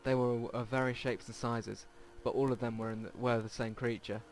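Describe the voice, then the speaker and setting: Steady in tone and moderate in pace, a man with a mid-range voice reads a visual novel aloud during a let's play, stumbling over the odd word as game music plays.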